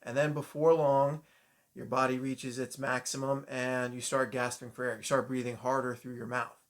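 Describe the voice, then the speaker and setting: Man, New York accent, martial arts instructor, casual coaching tips to camera, mid pitch. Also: flat delivery, normal speed. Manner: coaching, direct and encouraging, with frequent "um" fillers. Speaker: jiu-jitsu instructor.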